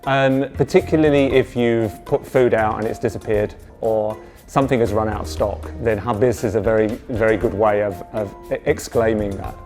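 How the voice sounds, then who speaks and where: A man explaining things in a measured, analytical way in an interview. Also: lowish voice, steady tone, a little mellow. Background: guitar music.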